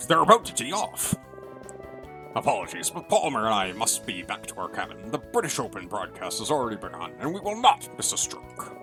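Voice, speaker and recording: Game character: pompous sporting gentleman, formal and very animated, performed by a male player, music underneath. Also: fairly low pitch, fairly quick.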